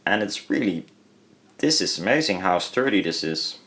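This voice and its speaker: A low-pitched man with a Dutch accent and a fairly bright tone gives casual commentary on a hands-on product teardown as a hobbyist presenter. He's very animated and keeps a moderate pace, but sounds hesitant, rambling and correcting himself.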